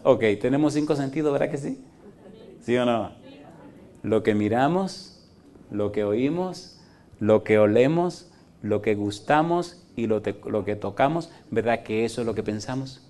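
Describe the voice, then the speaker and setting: A male pastor preaching in a church, often asking the congregation yes or no and swinging from loud emphatic lines to quiet asides. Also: mid-range voice, animated, unhurried. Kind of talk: sermon.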